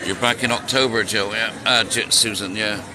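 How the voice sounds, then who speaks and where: Riding through the city, this sixty-something vlogger keeps his live-stream chat casual, cracking jokes and fielding questions from viewers. His voice sits on the low side, with fairly even intonation and normal speed. Traffic and street sounds fill the noisy outdoor audio.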